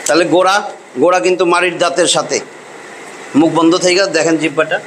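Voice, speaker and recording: Middle-aged teacher, higher-pitched voice, patient repetitive drilling of pronunciation. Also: male voice, level tone, fairly bright tone, slight background noise, low-quality recording. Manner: drills sounds by slow repetition. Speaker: Quran recitation teacher. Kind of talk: classroom pronunciation lesson.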